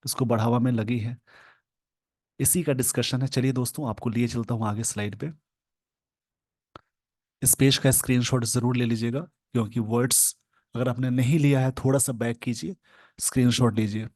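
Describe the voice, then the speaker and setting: A man with an Indian accent teaching English in Hindi, explaining an editorial word by word and slowing down to read the English phrases. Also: medium pitch, steady tone, a little mellow, dry recording. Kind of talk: Hindi-language English lesson reading an editorial.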